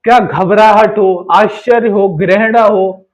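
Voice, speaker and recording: A man teaching Hindi grammar to an online class, explaining slowly and repeating key terms as he checks that students follow. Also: high-pitched, fairly even intonation.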